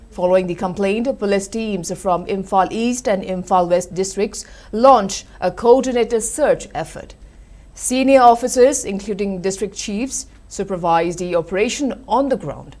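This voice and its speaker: A woman's voice: mid-range voice, darkish tone. Indian-accented woman reading scripted news. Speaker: news presenter.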